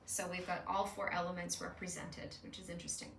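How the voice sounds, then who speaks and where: A woman's voice: fairly low pitch, level tone, fairly quick, gravelly, fairly bright tone. A woman hosting an emotional card reading, talking casually and explaining at length with frequent fillers. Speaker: host doing card readings with an AI. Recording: echoey room, somewhat far from mic.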